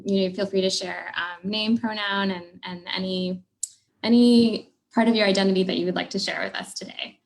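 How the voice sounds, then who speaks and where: A woman family doctor hosting a panel discussion over a video call, friendly and full of ums. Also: mid-range voice. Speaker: host, family medicine doctor. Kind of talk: moderating a panel.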